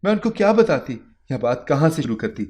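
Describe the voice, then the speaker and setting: A man reading a first-person moral story in a steady, earnest narration. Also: fairly high pitch.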